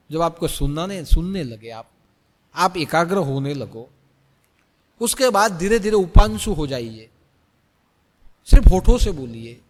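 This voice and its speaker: Man as spiritual teacher, sermon delivery, repeats lines, loud then hushed, higher lively voice, long hall reverb. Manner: repeats phrases, swings between loud urging and soft hush. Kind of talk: Hindi spiritual discourse.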